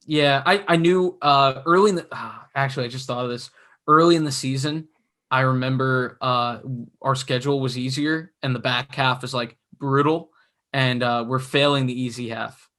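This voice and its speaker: A young man co-hosting a casual sports podcast, chatty and analytical, his voice going hoarse. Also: medium pitch, steady tone, normal speed, sharp tone. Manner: chatty, analytical, self-mocking. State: losing his voice. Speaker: podcast co-host.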